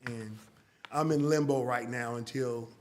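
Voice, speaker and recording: A man's voice: medium pitch, fairly even intonation. Male, 50s, local resident giving public comment, hesitant, plain middle voice. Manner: halting, with many restarts. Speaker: resident addressing the council. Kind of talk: public comment at a city council meeting. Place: council chamber.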